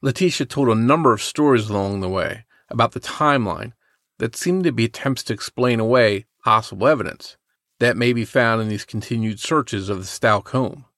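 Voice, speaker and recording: A man co-hosting a podcast, reading a true crime story from a script in a measured way. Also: mid-range voice, fairly bright tone, dry recording, clean studio sound. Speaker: podcast co-host.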